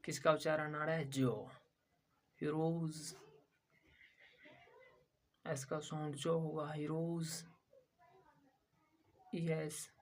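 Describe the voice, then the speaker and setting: Taking it slowly and pausing often, an Indian English teacher with a slightly high, level voice works through a language lesson. Every word gets spelled out letter by letter and repeated, and he answers his own questions as he drills.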